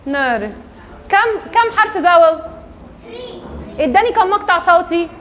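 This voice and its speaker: Very high-voiced Egyptian woman teaching children. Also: slight background noise. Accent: Egyptian Arabic. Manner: quizzing pupils with repeated questions, addressing children by name. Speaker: primary school English teacher. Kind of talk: children's lesson explanation.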